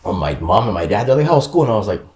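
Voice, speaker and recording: A man with a low voice tells a story on a podcast in loose, slangy talk, laughing as he goes. His pitch swings widely from line to line. The room is echoey, with a faint hiss underneath. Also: animated, very fast, a little mellow. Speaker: podcast guest. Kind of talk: casual storytelling chat.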